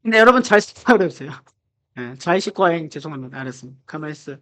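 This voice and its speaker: A man gives a casual sermon at a rapid clip. His pitch leaps up and down as he talks. He preaches in a chatty, animated way, packed with fillers. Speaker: pastor.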